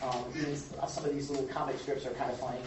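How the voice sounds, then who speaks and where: The pastor's voice is medium-pitched, flat and fast, with a darkish tone, as he leads an informal Bible study in a church room. Conversational, he asks the group questions and often chuckles. A little hiss or hum colors the distant, echoey, dull lo-fi recording.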